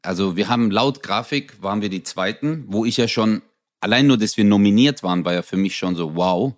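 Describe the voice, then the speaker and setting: A man's voice: lowish voice, fairly quick. Laid-back man, slangy comedy chat. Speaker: podcast co-host.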